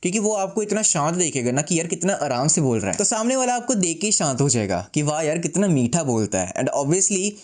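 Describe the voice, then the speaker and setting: A man talking to camera in a casual advice vlog, speaking slowly and deliberately with pauses, mixing English phrases in and making self-deprecating jokes while seated indoors. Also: on the high side, big pitch swings, darkish tone. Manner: slow, composed, deliberate delivery with pauses; mixes English phrases into Hindi. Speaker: YouTuber.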